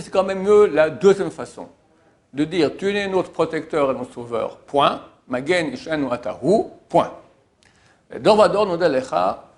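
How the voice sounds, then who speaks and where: With a voice on the high side and a little mellow, a male rabbi works through a prayer phrase by phrase. He reads the Hebrew, translates each line plainly, and puts stress on the key words.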